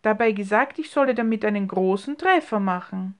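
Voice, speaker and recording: A woman voicing a shy, easily flustered young woman. She answers softly and hesitantly, as a timid ward in a storybook would. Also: mid-range voice, expressive, a little fast, close to an everyday voice.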